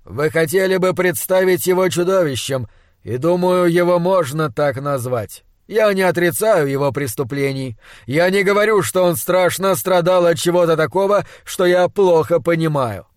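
A man voicing a stern, weary doctor who speaks slowly and gravely. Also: fairly high pitch, no echo, studio quality, close to an everyday voice. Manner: slow, measured, grave.

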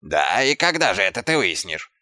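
A man doing a bright, indignant dwarf. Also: very animated, normal speed, dry recording, studio quality. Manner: shrill, complaining, pushy. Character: indignant quarrelsome male dwarf.

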